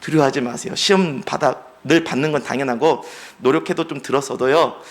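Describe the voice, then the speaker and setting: A man's voice: mid-range voice, a little fast. A middle-aged man preaching a sermon as pastor, emphatic and acting out the voices he quotes.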